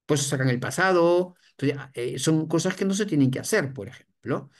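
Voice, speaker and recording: A family counselor gives an educational talk in a voice of middling pitch. The delivery is explanatory and a little halting, with frequent restarts and rhetorical questions that drive each point home. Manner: explanatory, repeats points, often adds "for example". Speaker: family counselor addressed as doctor.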